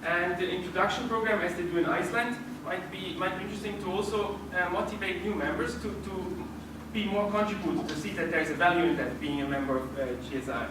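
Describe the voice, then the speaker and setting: A man with a high-sitting, steady voice presents to a group briskly and with few pauses, yet he is hesitant and restarts many times. The recording comes from far away in an echoey room with noise.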